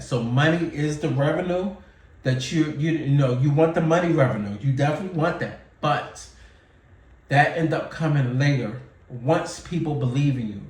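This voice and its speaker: Candid and conversational, a man in his forties shares casual advice to camera as a YouTuber, often repeating himself and using fillers. The voice is medium-pitched with a darkish tone, recorded roomily from a set-back mic.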